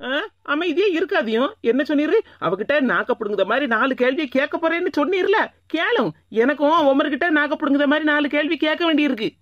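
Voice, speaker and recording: Young cartoon wife, played by a woman: high, fast, sarcastic, Tirunelveli accent, dull dry audio. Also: dry recording, natural voice. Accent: Tirunelveli Tamil. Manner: sarcastic, defiant. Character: sharp-tongued young wife, defiant.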